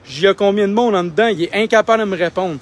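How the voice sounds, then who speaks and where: A young Québécois man with a high-pitched voice argues in an insistent, indignant tone. He speaks into a handheld phone while livestreaming outdoors. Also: rapid-fire. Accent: Québécois French. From Quebec. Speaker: independent livestreamer. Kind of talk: live street vlog. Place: outdoors outside a building.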